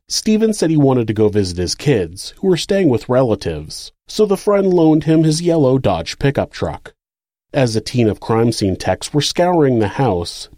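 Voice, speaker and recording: A man's voice: medium pitch, dark tone, dry recording, clean studio sound. A man with an American accent reading scripted true crime narration as the narrator of the case.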